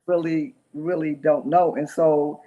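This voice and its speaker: A woman hosting an interview, speaking haltingly with many fillers and restarts. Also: low-pitched, fairly even intonation. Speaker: interview host. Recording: dull lo-fi sound.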